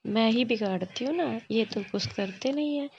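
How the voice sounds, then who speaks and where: A woman voicing a cheeky young wife with quick, sharp retorts in a story reading. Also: fairly high pitch, creaky, highs cut off, a little hiss or hum.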